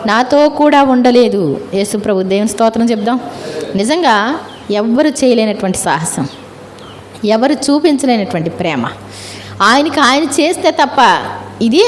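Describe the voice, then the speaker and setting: A woman's voice: sits high, slight background noise. Woman preaching, questioning her listeners. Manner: keeps asking listeners "ఏమండి?" with rising questions. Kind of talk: sermon.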